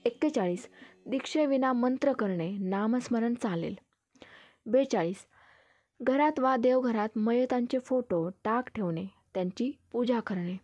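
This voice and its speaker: A woman narrating a devotional list, reading each numbered item in an even, measured way. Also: fairly high pitch, no room sound, highs cut off.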